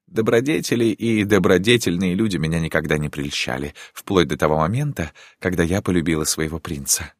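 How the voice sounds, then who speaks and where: A man's voice: deep voice, fairly quick, hardly any pauses, no room sound, studio quality. A man voicing a passionate pleading countess. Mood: teasing. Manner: dramatic, impassioned, imploring. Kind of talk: audiobook character reading.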